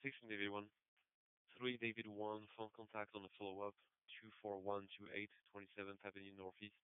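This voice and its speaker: A man working as a police dispatcher, heard over a police radio transmission, reading calls in clipped, even procedural codes. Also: fairly low pitch, a little fast, clear, resonant tone, dry recording. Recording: narrow-band, dry police radio.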